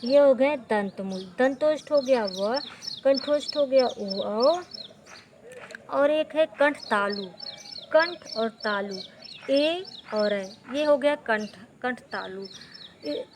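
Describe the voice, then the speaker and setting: A woman teaching a grammar lesson at a slow, deliberate pace, her voice set a little high. She walks through each point step by step, asks her students questions and then answers them herself. Faint hiss sits under the recording. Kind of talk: exam-prep grammar lesson.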